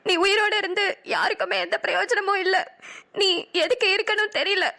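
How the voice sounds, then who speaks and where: A woman's voice: fairly even intonation, a little fast, gravelly, heavy background noise. A woman voicing a heartbroken young woman in a cartoon drama, speaking in a pleading, sobbing way. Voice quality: high bright girlish voice. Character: heartbroken young woman Kanmani, tearful and hurt.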